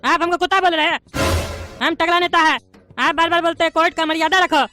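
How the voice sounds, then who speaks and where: A woman voicing a boastful, rude bald male politician in a cartoon comedy, talking loud and indignant. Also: extremely high pitch, fairly even intonation, fast, faint music behind.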